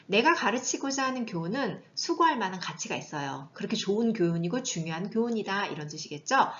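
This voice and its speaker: A woman English teacher giving a chatty vocabulary lesson and drilling slow pronunciation, recorded in a coffee roastery. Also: mid-range voice, highs cut off, a little hiss or hum. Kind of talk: casual online vocabulary lesson.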